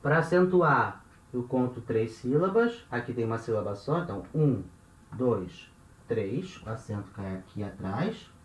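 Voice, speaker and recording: A man's voice: mid-range voice, lively intonation, a little slow, roomy sound, rough recording. A man teaching a language lesson, explaining step by step and often checking in with his listeners.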